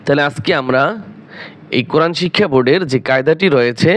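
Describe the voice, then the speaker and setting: A man with a Bangladeshi Bengali accent, teaching Quran reading by drilling letter sounds slowly and repeating syllables. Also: medium pitch. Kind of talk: slow drilling lesson.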